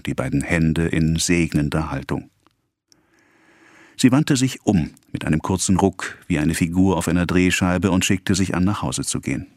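A man reading a classic novel aloud in a measured, even way. His voice sits very low. The sound is dry and close to the mic. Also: no echo. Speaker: audiobook narrator. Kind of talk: scripted narration.

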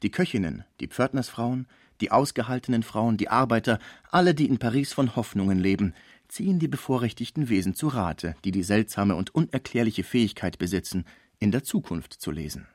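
A man narrating a classic novel in a measured, expressive reading. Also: on the low side, dry recording, clean studio sound. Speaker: audiobook narrator.

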